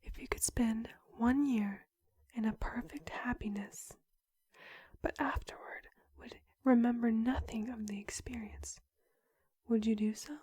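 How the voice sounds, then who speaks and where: Whispering young woman, breathy and mellow. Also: on the high side, steady tone, dry recording. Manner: soft whisper throughout, slow questioning with pauses. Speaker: ASMR creator. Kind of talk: whispered ASMR roleplay as a clinic counselor.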